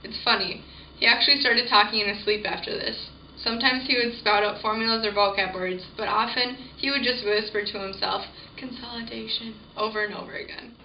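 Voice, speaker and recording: A woman's voice: medium pitch, steady tone, a little fast, slight background noise. A woman playing a roommate, telling a scripted testimonial in an amused way. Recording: distant, echoey, muffled.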